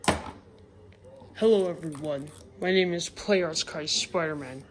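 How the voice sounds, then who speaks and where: A female speaker showing off toy figures, heard in slowed-down playback that drags and deepens the voice. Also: a little hiss or hum. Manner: drawn-out, sluggish delivery. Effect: slowed-down playback, pitched deeper. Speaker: toy reviewer. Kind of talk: casual toy show-and-tell.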